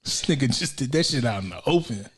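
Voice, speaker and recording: Young dude on a podcast, laughing a lot, voice bounces around, mid pitch, crude jokes. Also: male voice, animated, fast talker, husky. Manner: laughs often, loose and crude. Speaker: podcast co-host. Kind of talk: casual chat.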